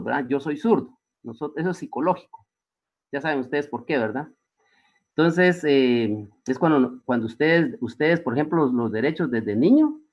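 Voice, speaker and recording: A male teacher gives a classroom lecture, his pitch swooping up and down as he peppers the students with questions. The recording sounds dull and lo-fi. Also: darkish tone. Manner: rhetorical questions, frequent tag questions.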